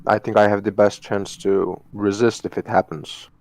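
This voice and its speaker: A man's voice: lowish voice, flat delivery, moderate pace, darkish tone, no room sound. A man talking casually as a player during a tabletop role-playing game.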